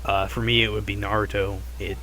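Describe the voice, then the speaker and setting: A man's voice: fairly low pitch, little pitch movement, brisk, bright, forceful tone, slight background noise. A man with a lisp and whistling s, casually putting a viewer question to a show. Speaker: listener sending a video question. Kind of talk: casual scripted question to a podcast.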